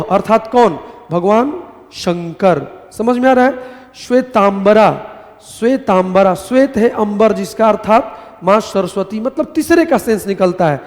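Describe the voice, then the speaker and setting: A man's voice: sits high, long reverb tail. A man teaching grammar in a live class, telling little stories and asking questions that he answers himself. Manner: animated storytelling, asks and answers his own questions.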